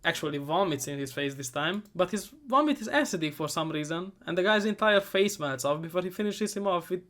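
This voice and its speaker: A man giving a comedic movie recap, sarcastic and profane, rambling and often trailing off into quieter asides. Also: high voice, expressive, a little fast. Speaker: movie reviewer.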